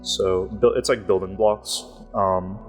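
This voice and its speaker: A man's voice: low voice, steady tone, slow, soft background music. A man talking casually as a podcast guest, rambling and filling his speech with "like". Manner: rambling, heavy use of "like" fillers. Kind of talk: casual interview talk.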